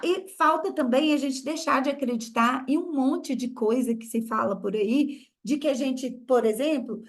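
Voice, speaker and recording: High-pitched teacher lady w/ a minas accent, lots of rhetorical questions, really emphatic. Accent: Minas Gerais Brazilian Portuguese. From Brazil. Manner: emphatic, repeats key phrases, asks rhetorical questions. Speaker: English teacher. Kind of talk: online masterclass lesson.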